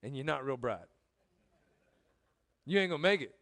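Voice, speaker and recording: A man preaching a sermon as pastor, animated, swinging from loud emphasis to quiet joking asides. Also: mid-range voice, normal speed, dry recording.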